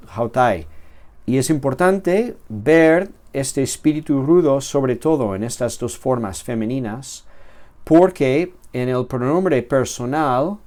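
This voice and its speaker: Slow, methodical male teacher. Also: mid-range voice, a little mellow. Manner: slow and explanatory, with fillers and restarts. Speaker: Greek teacher. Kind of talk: recorded grammar lesson.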